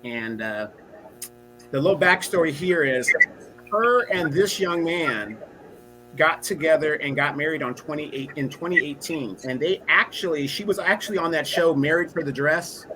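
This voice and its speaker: A man's voice: fairly high pitch, moderate pace, bright, forceful tone. A man co-hosting a casual commentary show, giving strong opinions and speaking straight to the audience. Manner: opinionated, addresses the audience directly. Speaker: co-host, commentator.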